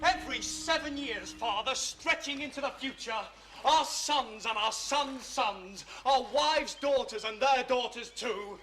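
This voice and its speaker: An actor playing a proud, earnest young warrior prince in a myth drama, with declamatory delivery. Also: male voice, very high voice, measured pace, fairly bright tone, a little hiss or hum, rough recording. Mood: defiant, rousing.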